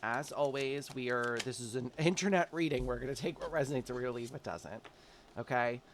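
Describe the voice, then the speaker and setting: Congested from allergies, a man delivers a chatty, warm-hearted monthly tarot reading aimed straight at his audience. He speaks briskly in a medium pitch, with slight background noise behind him.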